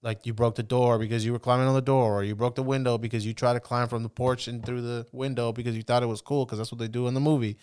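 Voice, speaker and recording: A man's voice: medium pitch, little pitch movement, fast talker, few pauses, a little mellow, clear, resonant tone. A man talking bluntly and emphatically in a casual podcast chat.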